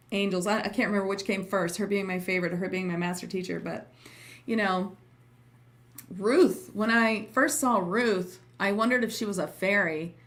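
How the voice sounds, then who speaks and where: A woman talks casually to her livestream viewers as their teacher and host. Her voice sits at an average pitch for a woman, and her manner is informal, effusive and prone to giggles. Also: fairly bright tone. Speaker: host and trance channeling teacher.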